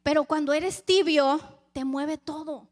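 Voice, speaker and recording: Woman preacher, high voice, reads scripture and acts out crowd voices, sermon. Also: unhurried, soft background music. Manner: addresses the congregation as brothers, reads scripture aloud.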